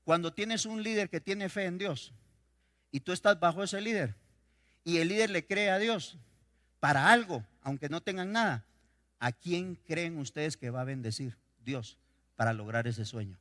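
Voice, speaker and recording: A male pastor preaching a sermon, swinging between loud declarations and quiet storytelling. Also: on the high side, a little slow. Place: church sanctuary. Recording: reverberant church hall.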